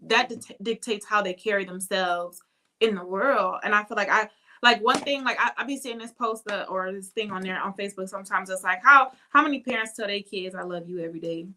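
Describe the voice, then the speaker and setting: A woman's voice: medium pitch, fairly quick. A woman in her thirties, co-hosting a podcast in a casual chat, telling stories and laughing often. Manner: lively, storytelling, laughs often. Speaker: podcast co-host.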